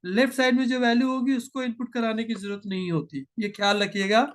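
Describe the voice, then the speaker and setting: Speaking in a very high voice with a steady tone, a man guides viewers through a screen-share programming lesson, patiently explaining each step, mixing in terms and slowing down when he dictates code.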